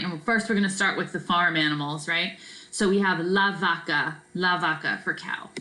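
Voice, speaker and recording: A woman teaching a Spanish vocabulary lesson in a relaxed, chatty way, often checking in with "right?" and filling pauses with "um.". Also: on the low side, rough recording. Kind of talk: recorded classroom vocabulary lesson.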